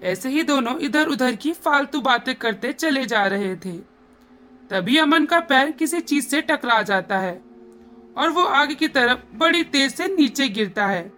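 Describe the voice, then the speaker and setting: A woman's voice: high voice, expressive, a little slow, bright, forceful tone. A woman narrating a scripted horror story with suspenseful storytelling.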